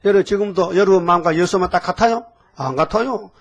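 Older guy preaching, husky voice, keeps quizzing the congregation. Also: high-pitched, fast, dull audio. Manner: folksy, scolding, asks the congregation questions. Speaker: pastor. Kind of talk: sermon.

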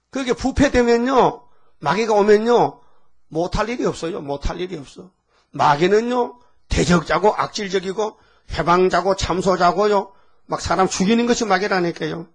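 An older man, a pastor, preaching a folksy, theatrical sermon and acting out the voices of people in his story. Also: high-pitched.

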